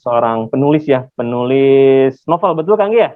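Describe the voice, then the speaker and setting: A man's voice: mid-range voice, expressive, moderate pace. A man, chattily hosting an online class through a face mask and often asking listeners to confirm. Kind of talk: casual, interactive webinar hosting. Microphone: video call. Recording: muffled, phone-like online call audio.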